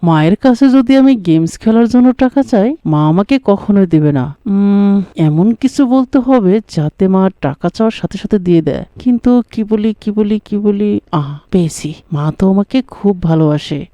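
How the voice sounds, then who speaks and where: A woman's voice: medium pitch, expressive, moderate pace, mellow, no room sound, dull audio, natural voice. A woman with a Bengali accent voicing a teenage boy in a cartoon, pleading, whiny and prone to sulky outbursts. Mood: scheming.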